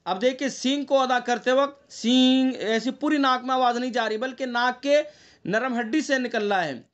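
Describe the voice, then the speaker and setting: Very high-voiced man teaching Quran recitation. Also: fairly bright tone, lo-fi sound. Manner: explains patiently, often checks with "okay?" and models nasal sounds aloud. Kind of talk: online tajweed class.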